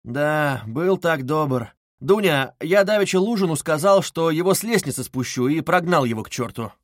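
A man's voice: a little high, animated, normal speed, dry recording, clean studio sound, natural voice. A man voicing a feverish young man, irritable, strained and insistent. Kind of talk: audiobook character reading.

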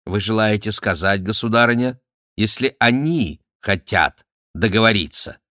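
A man's voice: on the low side, a little slow, pushed and bright, no room sound, studio quality. A man voicing a proud, sly young royal duke who answers his mother with emphatic, indignant exclamations. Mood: defiant.

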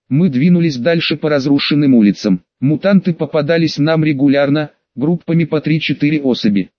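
A man's voice: a little high, dry recording, highs cut off. A man reading an audiobook, narrating a fantasy action story with a sardonic edge.

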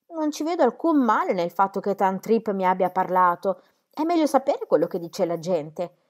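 A woman reading aloud and voicing Celia, a sharp, teasing young woman who talks in a quick, insistent way. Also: mid-range voice, sing-song, natural voice. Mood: needling.

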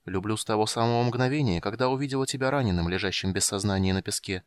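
A man softly voicing a gentle sorrowful woman. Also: fairly low pitch, fast, smooth, dry recording, clean studio sound, lightly acted. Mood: tender. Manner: soft, quiet and tender. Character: gentle sorrowful young woman, a shapeshifted dragon.

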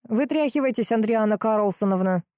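Narrator playing a brisk, mocking colonel, businesslike, dry close read. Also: female voice, medium pitch, warm tone, no echo, pitched above the performer's own voice, natural voice. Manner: ironic and businesslike. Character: dry, mocking middle-aged police colonel.

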